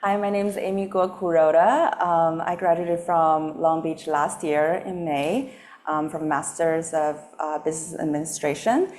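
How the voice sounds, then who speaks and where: A woman in her thirties introducing herself on a panel in a measured, matter-of-fact way. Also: sits low, a little mellow. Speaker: panelist, alumna.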